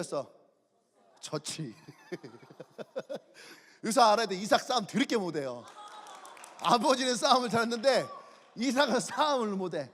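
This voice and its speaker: A male pastor preaching an animated sermon, telling the story with shouted character voices and chuckles. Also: sits high. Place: church sanctuary. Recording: long church hall reverb.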